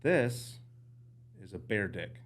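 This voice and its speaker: A man, an outdoorsman from the United States, telling hunting stories as a podcast guest in casual, animated chat. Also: fairly low pitch, slow. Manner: animated storyteller, jumps into quoted voices.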